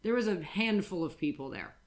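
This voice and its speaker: A woman's voice: fairly low pitch, lively intonation, a little fast. A woman co-hosting a podcast, chatting casually with frank, crude storytelling, many fillers and restarts. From United States. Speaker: podcast co-host. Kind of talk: casual chat.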